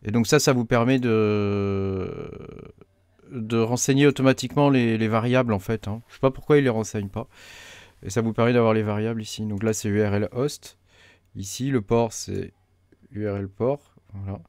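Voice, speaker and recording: Guy kinda low voice, umming thru a setup tutorial, dry mic, keys clacking. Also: normal speed, darkish tone, no room sound. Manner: hesitant, many fillers, thinks aloud while clicking. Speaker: crypto mining tutorial host. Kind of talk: casual screen-recorded tutorial.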